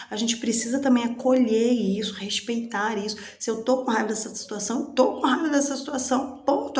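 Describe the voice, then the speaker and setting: A woman's voice: on the high side, a little mellow, reverberant. A woman hosting her own channel, sharing personal reflections in a candid, chatty way and acting out her inner dialogues. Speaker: channel host.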